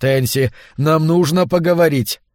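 A man's voice: fairly high pitch, measured pace, darkish tone, dry recording, studio quality, natural voice. Man playing a pleading professor husband. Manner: earnest, pleading.

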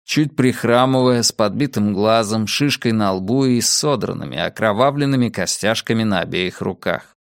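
A man reading an adventure novel aloud as a steady audiobook narrator. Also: fairly low pitch, normal speed, vocal fry, dry recording, clean studio sound. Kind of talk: scripted narration.

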